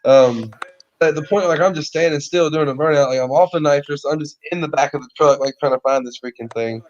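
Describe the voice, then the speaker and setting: A man's voice: a little high, a little fast, dull audio, slight background noise. A man telling a story in casual podcast chat, rambling with lots of "like" and "you know", heard over a remote call.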